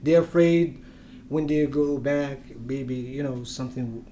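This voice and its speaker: A young Moroccan man, a native Berber (Tamazight) speaker, answers interview questions in English with a mid-range, mellow voice at an unhurried pace. He hesitates a lot, filling gaps and restarting sentences, over slight background noise.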